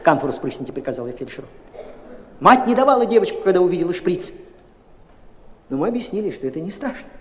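A man giving a dramatic literary reading, expressive and tense, swinging between loud and hushed. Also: high voice, quick pace, long pauses, a little hiss or hum. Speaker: audiobook narrator. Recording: roomy, long reverb.

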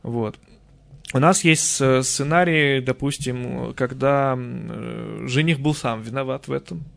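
Gravelly-voiced man telling folk customs. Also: medium pitch, unhurried. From Urals. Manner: lively, storytelling with acted-out quotes. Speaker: folklorist guest. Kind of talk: casual storytelling interview.

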